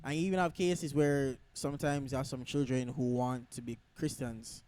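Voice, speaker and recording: A man's voice: medium pitch, steady tone, moderate pace, warm tone. A young man with a Jamaican accent, co-hosting a faith podcast, slangy and tired, building into preaching runs. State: tired, yawning. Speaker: podcast co-host. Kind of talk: casual faith podcast chat.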